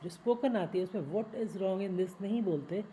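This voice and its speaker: A woman teaching spoken English, spelling out long words slowly, syllable by syllable. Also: medium pitch, warm tone, slight background noise, rough recording. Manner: slow, syllable-by-syllable spelling and pronunciation.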